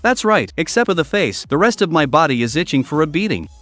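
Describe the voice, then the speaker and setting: A man's voice: fairly high pitch, big pitch swings, fast, a bit bright, dry recording, faint music behind. A man doing a whiny scheming young disciple. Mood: taunting indignant. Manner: taunting, then whiny and outraged.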